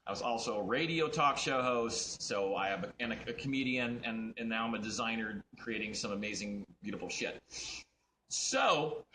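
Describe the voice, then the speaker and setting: A man's voice: medium pitch, sharp tone, slight background noise. A man, a fashion designer, chatting casually on a livestream, rambling and swearing as he tells stories. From United States. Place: indoors at his design studio. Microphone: phone camera. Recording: roomy echo.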